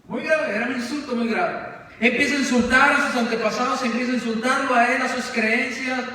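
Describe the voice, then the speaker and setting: A man's voice: very high voice, steady tone, a little fast, pushed and bright. A man preaching a sermon, telling a story animatedly and dramatically. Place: church sanctuary. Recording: echoey church hall, distant mic, faint noise.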